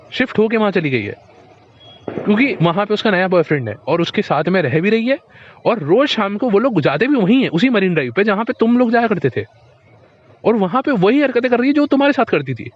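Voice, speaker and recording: Guy doing a motivational talk, talks straight to you like a buddy, repeats stuff, voice sits kinda high, muffled lo-fi recording. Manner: direct, repeats points, addresses the listener as a friend. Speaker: motivational speaker. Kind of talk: casual advice monologue. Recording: dull lo-fi recording.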